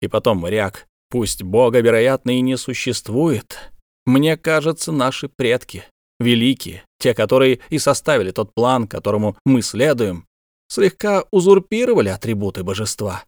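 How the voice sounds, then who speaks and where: Brief: male narrator as a tired, idealistic guard for an audiobook, earnest and measured. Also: mid-range voice, animated, dry recording, studio quality, lightly acted. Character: weary rebel guard man, idealistic.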